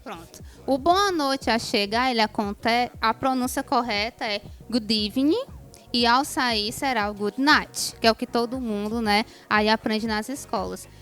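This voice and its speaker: A woman, an English teacher answering interview questions in a clear, patient, teacherly manner. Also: on the high side, a bit bright. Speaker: English teacher, show guest.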